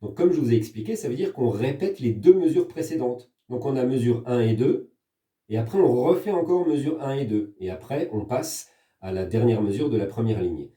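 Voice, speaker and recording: A French music teacher with a mellow, medium-pitched voice speaks at normal speed in an animated way. Working on a practice pad in a room at home, he records a percussion lesson for pupils, counting hand patterns aloud and explaining each step patiently. The room is echoey and his voice distant.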